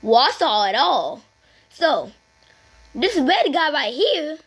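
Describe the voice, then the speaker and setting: A woman's voice: sits high, sing-song, slow pace, very noisy, voice pushed down, exaggerated voice. Woman doing a rambling puppet frog storyteller. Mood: storytelling. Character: chatty tall-tale-telling puppet frog. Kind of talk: puppet comedy.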